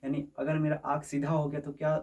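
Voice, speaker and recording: In a physics classroom lecture picked up from afar, a man speaks fairly quickly in a slightly high, monotone, darkish voice. He keeps firing questions at the students and checking that they follow.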